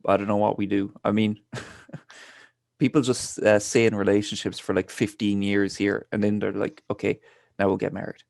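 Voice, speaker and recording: A man's voice: fairly low pitch, flat delivery, normal speed, gravelly, darkish tone, no echo, studio quality. An Irish man chatting on a podcast in a wry, matter-of-fact way. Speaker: podcast co-host. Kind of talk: casual chat.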